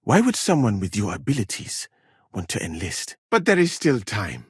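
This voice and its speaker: An actor playing a learned, proud Malian court physician in a medieval video game, speaking in a formal, courteous, dignified way. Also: male voice, fairly low pitch, wildly swooping pitch, normal speed, slightly rough, no echo, studio quality, heavily acted. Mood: earnest, thoughtful. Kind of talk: video game character dialogue.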